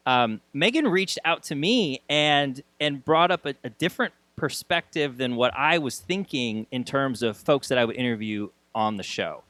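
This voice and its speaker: Man, podcast host, medium pitch, conversational, halting phrasing, dry recording. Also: animated, fairly bright tone, dry recording. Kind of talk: conversational podcast intro and interviewing.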